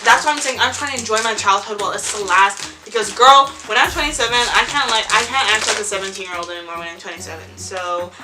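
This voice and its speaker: A woman's voice: medium pitch, fast talker, few pauses. A seventeen-year-old girl vlogging to camera in casual chat, rambling and saying "like" a lot. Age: teens. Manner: chatty, rambling, lots of "like" and "ew". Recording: music playing under the voice.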